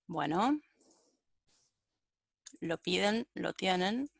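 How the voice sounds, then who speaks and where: A woman's voice: fairly low pitch, lively intonation, very slow, vocal fry, husky, no room sound, clean studio sound. A woman giving a live-coding programming lecture and thinking aloud as she types and corrects herself. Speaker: programming teacher.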